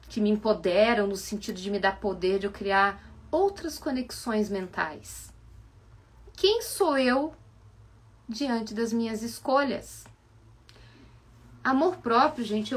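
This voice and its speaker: A woman with a Brazilian Portuguese accent, a psychoanalyst giving a reflective live-stream talk full of animated rhetorical questions. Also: on the high side, husky. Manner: asks many rhetorical questions, animated and coaxing.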